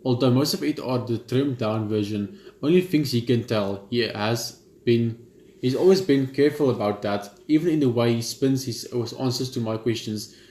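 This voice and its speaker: Reading a visual novel aloud for his gaming channel, a man stumbles casually through the text, chats between passages, and swears offhandedly now and then. He has a medium pitch and dark tone, speaks at a moderate pace, and sounds reverberant.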